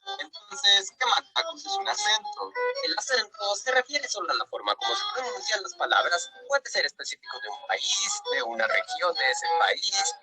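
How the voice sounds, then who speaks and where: Playful, questioning non-human figures puzzle over human habits in an animated educational video, voiced by a performer. The pitch leaps and swoops all over the place. Bright background music plays clearly beneath the voices. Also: rough recording. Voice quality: playful, questioning back-and-forth. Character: non-human beings chatting curiously about humans.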